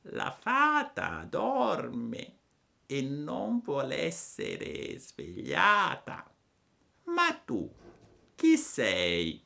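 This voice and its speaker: A man doing a slow, drawling snail. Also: medium pitch, vocal fry, pitched above the performer's own voice, heavily acted. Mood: unhurried. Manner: drawling, unhurried, calm. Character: placid slow female snail servant. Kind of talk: storybook reading.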